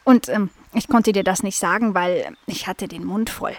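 A woman's voice: mid-range voice, moderate pace, no echo, lightly acted. A woman voicing a chatty little female squirrel in a children's story. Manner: casual, chatty.

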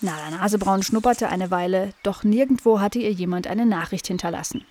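A woman calmly reading a children's story aloud as narrator. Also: medium pitch, brisk. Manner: calm, clear storytelling.

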